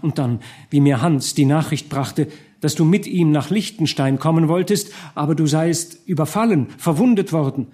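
A heartfelt young noblewoman in a storybook, loving and quick to feel wounded, as a male reader puts her on. Her voice rises high and pleading above his usual register, full of urgent feeling. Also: mellow, natural voice. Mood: anxious, pleading. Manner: raised, pleading emotional voice. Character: young noblewoman, loving, hurt, easily tearful. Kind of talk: audiobook character voice.

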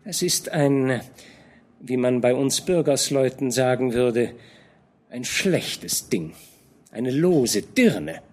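A man voicing a gossiping middle-aged female innkeeper who spreads scandal in a hushed, eager way. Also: expressive, slow. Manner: chatty, conspiratorial, hushed to shrill.

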